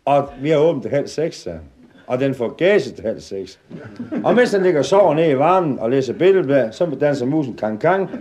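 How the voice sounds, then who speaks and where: A man's voice: mid-range voice, very animated, a little mellow. Man telling a comic story. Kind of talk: comic storytelling to a live audience.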